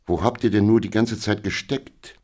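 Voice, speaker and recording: A man's voice: fairly low pitch, normal speed, a little mellow, pitched above the performer's own voice, close to an everyday voice. A man voicing an eager old female servant who pleads urgently, in a storybook reading. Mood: pleading. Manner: urgent, imploring.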